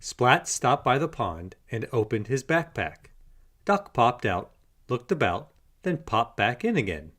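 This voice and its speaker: A man reading a children's storybook aloud with animated, expressive delivery. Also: medium pitch, measured pace. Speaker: storybook narrator. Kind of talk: children's read-aloud narration.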